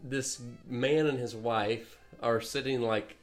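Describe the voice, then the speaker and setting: Brief: male podcast co-host, animated storyteller, salty language. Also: mid-range voice, slow pace, faint music behind. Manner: animated storytelling, swearing, laughing mid-story. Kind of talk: casual chat.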